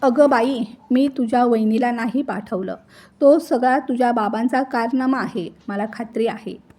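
A woman voicing a sharp-tongued middle-aged mother-in-law who scolds and taunts. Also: on the high side, measured pace, breathy edge. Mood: scolding.

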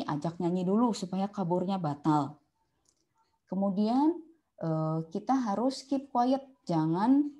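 Mellow-voiced woman giving a seminar talk. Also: mid-range voice. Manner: lively, explanatory, acts out quoted speech, mixes in English terms. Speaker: doctor presenting at an online seminar. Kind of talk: online seminar talk on caregiving.

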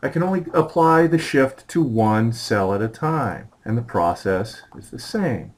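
Upbeat man giving a software tip. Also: mid-range voice, lively intonation, measured pace, rough recording. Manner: upbeat, chatty and playful. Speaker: software trainer. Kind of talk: screencast tutorial.

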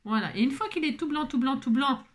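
A woman's voice: sits high, expressive, fairly quick. Breathless chatty woman crafter. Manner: chatty, full of fillers and repetitions. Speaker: crafting tutorial host. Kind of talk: casual crafting tutorial.

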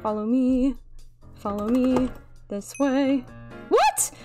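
Woman gamer, high voice, slow easy delivery, playful and excitable commentary. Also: faint music behind. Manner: excitable and playful, squeals and talks to viewers. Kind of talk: gameplay commentary.

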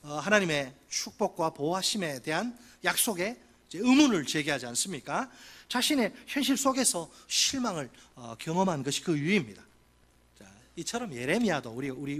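A male pastor preaching a sermon, reading scripture aloud and talking to the congregation in an animated, conversational way. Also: on the high side, slightly rough. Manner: frequent fillers and restarts, conversational asides.

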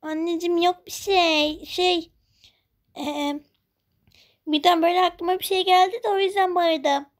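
A woman voicing a young girl, the daughter, who talks high and loud to her mother. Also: fairly even intonation, a little slow, long pauses. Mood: fibbing. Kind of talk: toy role-play narration.

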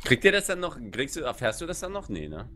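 Bright-voiced man with very animated pitch. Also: fast, slight background noise. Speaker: gaming partner. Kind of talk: casual banter during a game.

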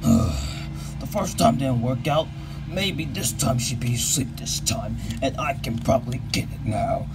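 A man playing a gravelly bumbling robber. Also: medium pitch, lively intonation, unhurried, loud music behind the voice. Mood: scheming. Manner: gruff, blustering, stumbling over words. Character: bumbling male robber, pushy but cowardly.

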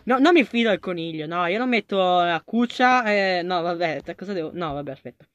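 An excitable gamer commentating a let's play, voice of middling pitch that jumps into panicked yelps and drops into mutters. They address the on-screen characters directly as if they could answer. The sound is dry and close, with no room around it. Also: brisk, dry recording, highs cut off. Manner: excitable and panicky, talks to game characters, swings between shouting and muttering. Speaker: gaming video creator.

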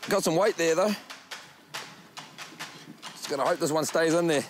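A man with a broad New Zealand accent chatting casually and excitedly while out fishing as a presenter. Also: a little high, normal speed, faint music behind. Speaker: kayak fishing show presenter. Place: outdoors on the sea, in a kayak or small boat. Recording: outdoor boat and water noise.

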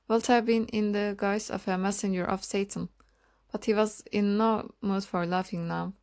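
A woman narrates a classic novel as an audiobook. Her reading is measured and literary, in a voice of middling pitch. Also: darkish tone. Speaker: audiobook reader.

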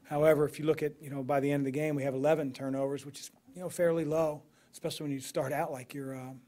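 A man in his forties, a basketball head coach, answering press questions after a game in a measured way, with many fillers and restarts, into a podium microphone. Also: fairly high pitch, little pitch movement, warm tone. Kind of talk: postgame press conference answers. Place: press room in front of a sponsor backdrop.

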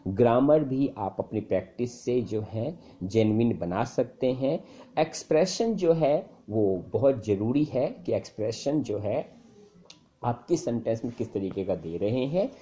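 A man teaching English speaking tips in a casual spoken lesson, full of fillers and repeated phrases. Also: measured pace. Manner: conversational, many fillers and repeated phrases, lively pitch jumps.

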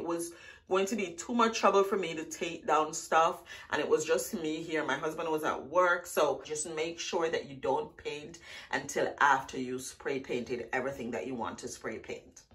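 A woman narrating her home makeover in a chatty, relaxed way, talking straight to her viewers. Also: low voice. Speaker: DIY vlogger. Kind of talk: casual voice-over narration.

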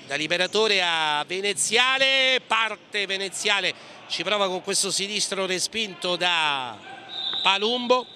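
A sports commentator with a high-sitting, expressive, pushed and bright voice calls a futsal match live at a measured pace. He gives clipped play-by-play, naming players pass by pass with hesitations, over gym ambience with clear background noise, indoor hall sounds and a bouncing ball.

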